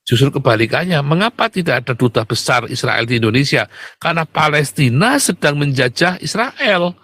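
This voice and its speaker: A man delivering an impassioned, combative monologue to his viewers. He keeps calling them brothers and sharply jumps up in pitch whenever he makes a point. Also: lively intonation, normal speed, a bit bright, no room sound. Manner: emphatic and combative, keeps addressing listeners as brothers.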